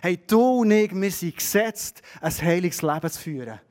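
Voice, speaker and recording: A middle-aged man with a Swiss German accent preaching a sermon, telling stories animatedly and swinging between loud and hushed. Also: high-pitched, expressive, moderate pace.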